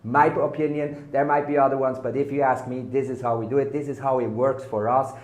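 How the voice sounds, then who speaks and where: In an echoey room, a German man with a German accent delivers a hyped, salesy marketing vlog straight to camera, packed with repeated buzzwords. His mid-range voice is a little fast, with fairly even intonation, in casual sales-talk style.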